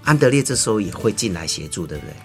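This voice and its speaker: A man hosting a casual talk show interview, chatty and often ending phrases with a soft laugh. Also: fairly low pitch, big pitch swings, rapid-fire, faint music behind. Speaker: radio talk show host.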